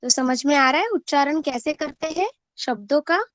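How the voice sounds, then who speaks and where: A woman with a high, animated voice teaches first graders online, sounding out words one syllable at a time in a slow, clear drill. She poses questions to the class and answers them herself. There's no room sound.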